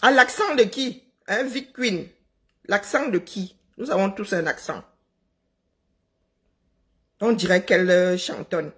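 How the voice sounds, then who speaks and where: Slowing down and pausing often, the Cameroonian social media commentator lectures her viewers with sarcasm from a mid-range, fairly bright voice. She admits her voice is unpleasant.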